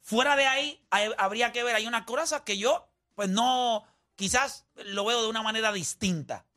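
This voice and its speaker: Puerto rican guy hosting sports talk, high bright voice, teasing and bouncy. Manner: teasing, animated, quick back-and-forth. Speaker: sports talk show host. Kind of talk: casual sports talk banter.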